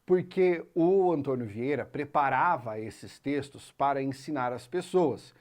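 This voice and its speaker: A man with a Brazilian Portuguese accent teaching literature in a video lesson, animated and checking in with the viewer as he explains. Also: mid-range voice, measured pace. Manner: animated, talks straight to the viewer, tags lines with "tá?" and "certo?".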